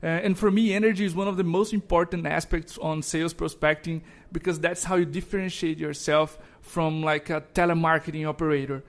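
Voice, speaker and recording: Friendly podcast host, man, slightly high. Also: flat delivery. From Brazil. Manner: friendly, laughs often, slightly halting. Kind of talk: podcast interview.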